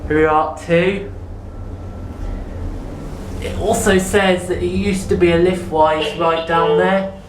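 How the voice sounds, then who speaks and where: In an echoey, noisy lift interior, a lift enthusiast filming tours inside a store's lifts offers short, factual, matter-of-fact remarks on the equipment. The voice sits at medium pitch with a steady tone, moving slowly with long pauses.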